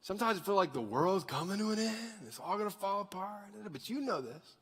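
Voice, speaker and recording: A man's voice: sits high, animated, a little fast, a bit bright, slightly rough. A man of thirty preaching a conversational sermon to a church crowd and asking them to raise their hands. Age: 30s. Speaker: pastor. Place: large church sanctuary. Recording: long hall reverb.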